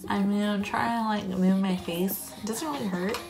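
A woman's voice: medium pitch, steady tone, normal speed, gravelly. Young woman talking through a face mask. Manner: casual, swears freely. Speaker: beauty vlogger. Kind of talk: casual vlog chat. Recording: roomy echo with music behind.

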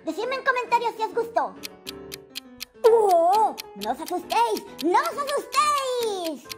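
A woman's voice: very high voice, big pitch swings, a little slow, heavily acted. A woman voicing a cheery hoofed female cartoon mascot with a Spain Spanish accent, hosting an emoji guessing quiz in a bubbly, sing-song, exclaiming way. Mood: excited. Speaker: quiz host. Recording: music bed under voice. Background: children's music.

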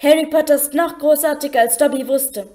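A woman voicing an excitable, devoted male house-elf with a shrill, high, eager voice, reading a storybook aloud. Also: brisk, natural voice.

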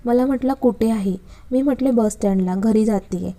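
A woman calmly reading a first-person love story aloud, with a Marathi accent. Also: on the high side, normal speed. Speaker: narrator.

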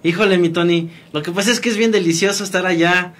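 A man in his thirties from Xochimilco with a Mexico City accent, guest on a studio talk show, relaxed and filling his talk with "o sea" and "pues". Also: high-pitched, fast. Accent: Mexico City Spanish. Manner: relaxed, laughs easily, many fillers "o sea, pues, este". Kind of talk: casual interview talk. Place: small bright TV studio.

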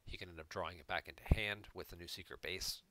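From a room at home, a man reviews a recorded card game match, analytically explaining each play step by step. His low voice is fast and sharp-toned, and he has the hiccups.

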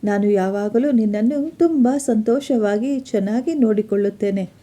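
A woman's voice: fairly high pitch, moderate pace, warm tone, lightly acted. A woman voicing an arrogant rich young man who taunts and blackmails, smug and mocking. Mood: taunting.

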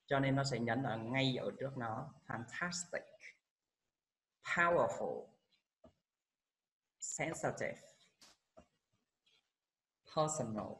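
A man teaching, a high school English teacher with a Vietnamese accent, going through exam questions and reading out the English answer words slowly before explaining them in Vietnamese. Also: fairly bright tone, poor audio. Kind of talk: exam walkthrough lesson.

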